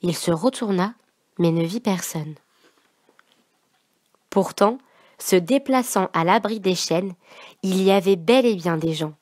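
A woman, a children's bookseller, reading a picture book aloud for young children in an expressive, lively way. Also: fairly low pitch, a little slow, pauses often, dry recording.

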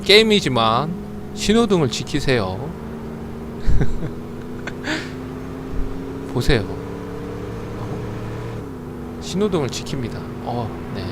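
A man doing playful live commentary on a driving game, stammering and repeating words, then bursting into loud flustered yelling. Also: medium pitch, very noisy. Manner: playful, chatty, swings into loud flustered outbursts. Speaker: game streamer.

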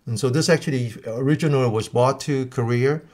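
A man with a voice who explains things at length in a live Q&A, halting and restarting often. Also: mid-range voice, a little mellow. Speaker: guest teacher.

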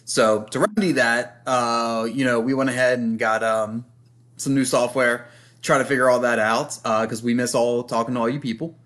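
A man's voice: mid-range voice, steady tone, moderate pace, a bit bright. Rambling man explaining a stream setup. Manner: rambling, many fillers and restarts. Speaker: podcast co-host. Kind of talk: casual live show chat.

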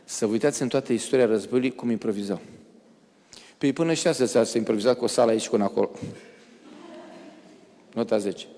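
A man giving a public lecture, telling lively anecdotes and acting out the people in them before a live audience. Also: medium pitch, long pauses. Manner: animated anecdotes, acts out quoted characters. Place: lecture hall. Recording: long reverb of a lecture hall.

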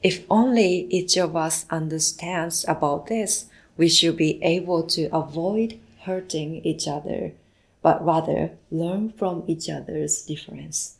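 A woman giving live English interpretation of a sermon, slow and measured, now and then correcting herself mid-phrase. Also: sits low, fairly even intonation, gravelly. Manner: slow, measured delivery with occasional self-corrections.

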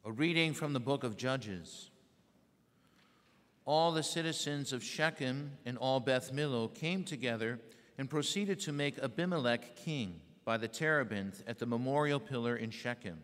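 A man leading a church service as priest, reciting prayers and readings in a measured, solemn way. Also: medium pitch, a bit bright. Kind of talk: liturgical recitation. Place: large church. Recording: echoey church hall.

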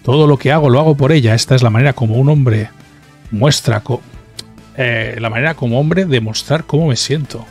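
A man from voicing a hot-tempered young male bully from a game, gruff and dismissive. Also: medium pitch, fairly quick, a little mellow, soft background music, lightly acted. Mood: scornful.

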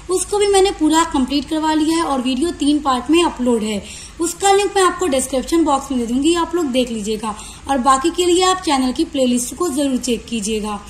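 A woman teacher, explaining a lesson to students. She reads definitions slowly, then explains them in quick, long runs. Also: high-pitched, a little hiss or hum. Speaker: online tutor. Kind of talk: lecture for university students.

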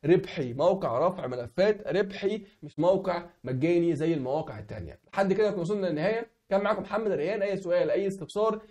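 This online tutorial host is a young Egyptian man with an Egyptian Arabic accent, guiding viewers through a website by screen recording. His high-pitched, darkish voice is hoarse from a cold, yet he is expressive and very fast, with few pauses. He checks in with the viewer often, asking "okay?"

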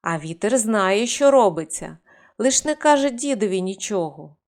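A woman narrates a folk fairy tale in a measured, expressive storybook style. Her voice sits at a typical middle pitch for a woman. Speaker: storyteller reading fairy tales. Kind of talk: storybook reading.

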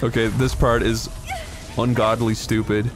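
A man's voice: on the low side, level tone, a little slow, over music. A man hosting a let's play with casual, teasing, sweary banter and mock insults.

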